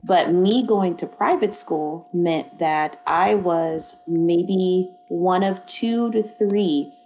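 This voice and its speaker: A reflective woman from East Oakland, slightly low-voiced, talks through her thoughts in a relaxed panel chat. She circles back and restarts often. The sound is close and dry. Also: slow, rough recording. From East Oakland, California. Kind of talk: casual panel conversation.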